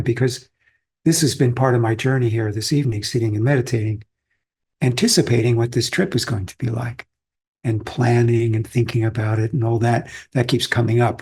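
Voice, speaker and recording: A man from Austria giving a calm, reflective dharma talk as a Zen teacher, unhurried and pausing often. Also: mid-range voice, breathy edge.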